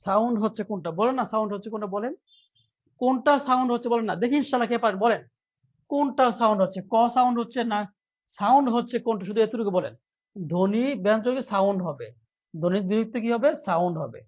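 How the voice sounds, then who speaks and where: A man's voice: sits high, quick pace, dull audio. A male teacher giving a live online lesson, quizzing his students by repeating questions and urging them to answer. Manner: playful, acts out a mock plea before teaching, quizzes students with repeated questions.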